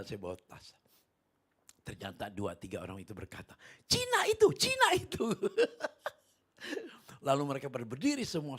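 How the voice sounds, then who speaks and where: A man's voice: on the low side, slightly rough. A middle-aged man preaching a sermon in a church, telling a story with laughter and acted-out dialogue. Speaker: pastor.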